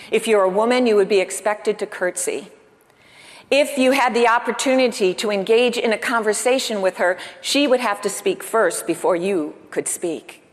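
Woman preaching a sermon in a reverberant hall. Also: fairly high pitch. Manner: asks the congregation questions and pauses for emphasis. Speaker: pastor.

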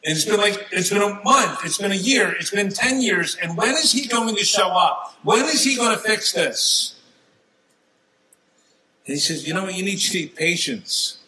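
Bright-toned man preaching a conversational sermon. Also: sits high, animated, moderate pace, low-quality recording. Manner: conversational preaching with sudden emphatic rises and soft drops.

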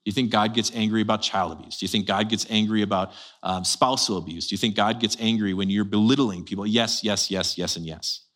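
A man with a low voice preaching a relaxed, chatty sermon from the pulpit. He keeps asking the congregation questions and leans into key phrases with sudden lifts in pitch and volume. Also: fast talker, hardly any pauses. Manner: casual, asks the congregation many rhetorical questions; animated, jumps up in pitch and volume for emphasis. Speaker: pastor. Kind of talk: conversational sermon.

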